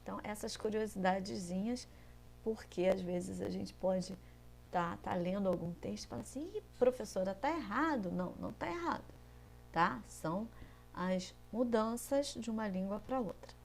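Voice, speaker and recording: A woman's voice: mid-range voice, normal speed, creaky, darkish tone, slight background noise. A Brazilian woman teaching Spanish in a recorded video lesson, explaining patiently step by step and often checking in with her students. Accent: Brazilian Portuguese.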